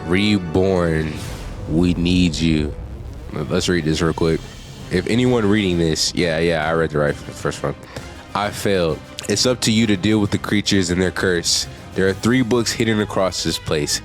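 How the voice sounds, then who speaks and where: A man giving casual, slangy gameplay commentary, reacting out loud in an animated way. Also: low-pitched, unhurried, faint music behind. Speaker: gaming video creator.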